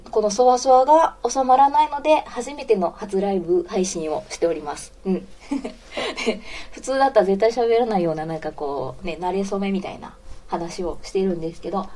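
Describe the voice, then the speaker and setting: Woman around forty, Kansai accent, mellow tone; chatty, giggly live-stream host who greets listeners mid-story. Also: mid-range voice, normal speed. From Osaka. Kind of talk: casual live radio chat, reading listener comments.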